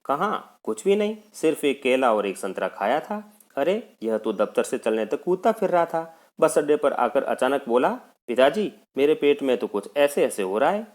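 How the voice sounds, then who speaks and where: A man's voice: mid-range voice, normal speed, few pauses, close to an everyday voice. A male teacher voicing a puzzled father who animatedly recounts his son's odd complaints. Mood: exasperated. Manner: retelling with animated emphasis.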